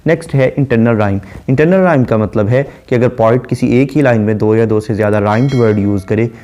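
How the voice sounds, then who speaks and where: Male lecturer, mellow warm tone, measured explanatory delivery. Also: mid-range voice. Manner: reads verse lines slowly, then explains in measured prose. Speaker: literature lecturer.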